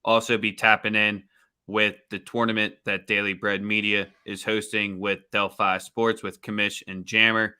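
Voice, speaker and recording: A man's voice: fairly low pitch, little pitch movement, moderate pace, bright, forceful tone, clear, resonant tone. A man co-hosting a casual sports betting show, talking loosely with jokes and slang. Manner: loose, joking, slangy delivery. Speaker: podcast co-host.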